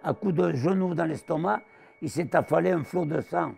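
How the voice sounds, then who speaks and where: A man in his nineties with a southern French accent and a gravelly voice, telling his wartime memories as an interviewee and acting out the voices he quotes. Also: on the high side, moderate pace, soft background music. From southern France. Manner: animated, acts out the voices he quotes. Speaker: interviewee, war veteran. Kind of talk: storytelling recollection.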